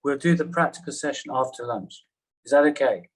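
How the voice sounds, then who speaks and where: Husky man lecturing a class. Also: medium pitch, poor audio. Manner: halting, frequent "okay?" check-ins. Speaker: journalism teacher.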